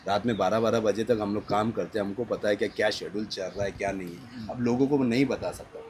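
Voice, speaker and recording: A man's voice: on the low side, steady tone, quick pace, a little mellow, a little hiss or hum. A man with an Indian accent, a goat farm owner, talking casually in an interview on his farm, emphatic and insistent in short clipped phrases.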